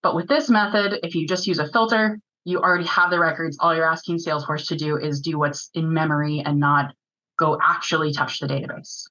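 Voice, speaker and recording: A woman presenting to a user group, rattling off her points quickly and casually with plenty of filler words. Her voice sits fairly low for a woman. The sound is dull and lo-fi, like online meeting audio. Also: fairly even intonation, sharp tone. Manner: fast-talking, chatty with filler words. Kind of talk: technical presentation.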